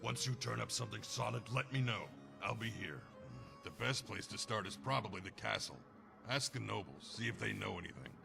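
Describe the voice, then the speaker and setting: A man voicing a grim, weary mercenary in a game, talking curtly and gruffly. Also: fairly low pitch, expressive, a little fast, over music. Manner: gruff, brooding, curt. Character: grim weary male mercenary searching for his wife. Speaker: game character. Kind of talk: game voice acting.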